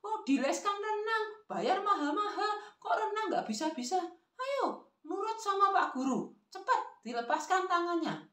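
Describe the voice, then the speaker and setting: A woman voicing a scolding old grandmother with a shrill Javanese-accented voice. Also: sing-song, unhurried, fairly bright tone, heavily acted. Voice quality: shrill, nagging. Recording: roomy echo.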